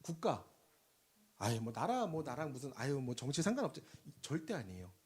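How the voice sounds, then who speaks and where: A man preaching a sermon in a lively, conversational way, leading the congregation in call-and-response and swinging between loud emphasis and quiet asides. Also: mid-range voice, moderate pace, breathy edge.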